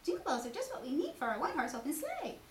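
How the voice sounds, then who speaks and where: A woman voicing a small, timid, excitable male piglet in a squeaky, exclaiming storybook voice. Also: quick pace. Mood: excited. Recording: distant echoey room with faint noise.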